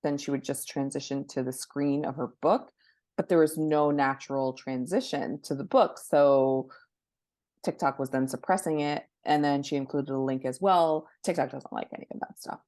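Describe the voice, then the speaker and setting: A woman with a rumbling low voice and a darkish tone speaks at a moderate pace, with no echo, as a guest expert in an interview. She works in book publishing and is an influencer, and she explains things conversationally with practical examples and step-by-step advice. She's indoors by a window, at a laptop.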